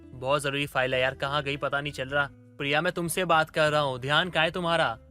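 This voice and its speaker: Guy doing a cranky cartoon husband, sharp bright voice, yelling. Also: on the high side, steady tone, brisk, clear, resonant tone, soft background music. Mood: impatient. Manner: irritated, shouting. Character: young husband, hot-tempered and impatient. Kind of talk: animated storybook voice acting.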